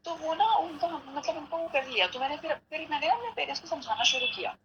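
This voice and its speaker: A woman with a somewhat high voice tells a family story on a podcast in relaxed, chatty fashion. She acts out the lines of the people in her story, keeps asking her listener "right?", and slips English phrases into her talk. A faint hum of background noise sits under her voice. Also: quick pace, muffled recording. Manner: mixes English phrases into Hindi. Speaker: podcast guest. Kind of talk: casual storytelling chat.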